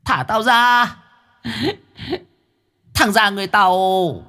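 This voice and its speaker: A man's voice: sits high, animated, slow, pushed and bright, clear, resonant tone, pitched above the performer's own voice, exaggerated voice. A man voicing a trapped female spirit in a ghost story, shrieking desperately for help.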